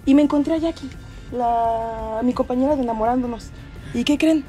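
A woman's voice: fairly high pitch, moderate pace, mellow, faint music behind. A Mexican woman chatting expressively as a podcast guest, telling gossip and opinions. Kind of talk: casual chat.

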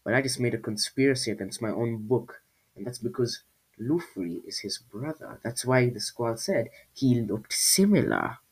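A man's voice: mid-range voice, expressive, moderate pace, darkish tone, husky. Rambling man reading his own story. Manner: rambling, self-mocking asides. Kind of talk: casual storybook reading with asides.

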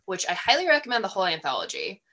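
Brief: woman podcast guest, lively pitch, laughs a lot, casual chat. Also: rapid-fire. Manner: animated, laughs often.

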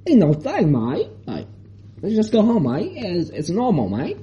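A man voicing a cold, dismissive male police officer with an Australian accent, brushing off a complaint with flat repetition. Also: high voice, unhurried, voice pushed up, heavily acted. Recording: dull lo-fi recording.

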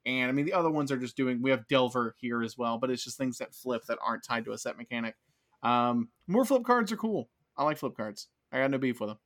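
Podcast host, male, even mid voice, reads card text briskly, then quick upbeat opinions. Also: medium pitch. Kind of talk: casual card-game podcast chat.

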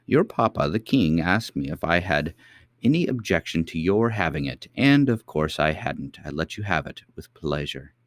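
A man voicing a kindly, very old queen who is the girl's great-great-grandmother, speaking gently and patiently. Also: low voice, expressive, moderate pace, no echo, clean studio sound. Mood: gentle.

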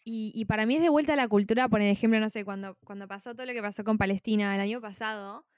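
A woman's voice: medium pitch, quick pace, dry recording, studio quality. A woman with a Rioplatense Spanish accent, talking casually as a podcast co-host, with lots of fillers. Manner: conversational, many fillers like "tipo". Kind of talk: casual chat.

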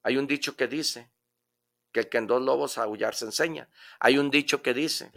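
Emphatic motivational radio speaker. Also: male voice, mid-range voice, normal speed, gravelly, fairly bright tone. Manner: emphatic, preachy, repeats phrases for effect.

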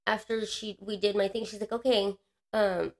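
Animated woman with a gravelly edge. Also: medium pitch, a little fast, a crowd in the background. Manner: animated, swearing, acts out others in her retelling. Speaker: storyteller in casual chat. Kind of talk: casual podcast chat.

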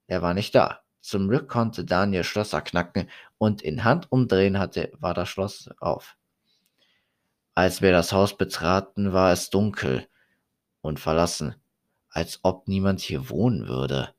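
A man reading a first-person horror story aloud in a slow, deliberate way. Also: low voice.

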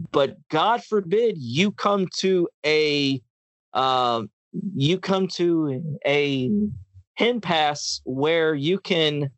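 A man's voice: a little high, fairly bright tone, no echo. Ranting male podcast host, dry sound. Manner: ranting, impassioned, repeats words and restarts. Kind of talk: casual podcast chat.

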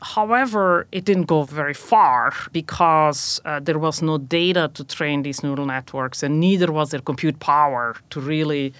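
A woman's voice: sits low, moderate pace, hardly any pauses, fairly bright tone, dry recording. A woman from Belgium, a technology executive, answering interview questions in long explanatory sentences with some fillers.

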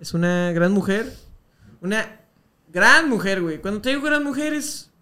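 A young podcast co-host with a Mexican accent and a mid-range voice. They talk in loose, rambling banter, full of slang and profanity, with an excitable delivery. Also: medium pitch, normal speed. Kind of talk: casual podcast banter about memes.

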